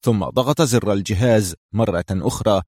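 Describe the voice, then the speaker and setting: A man narrating a thriller audiobook in a steady, dramatic storytelling manner. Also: fairly low pitch, moderate pace, no room sound, studio quality.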